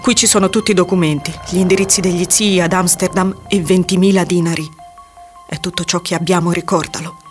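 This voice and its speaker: A woman doing a soft-spoken calm father. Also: on the low side, moderate pace, faint music behind, pitched below the performer's own voice, natural voice. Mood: calm gentle. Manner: soft, steady, unnaturally calm. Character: calm, gentle middle-aged father.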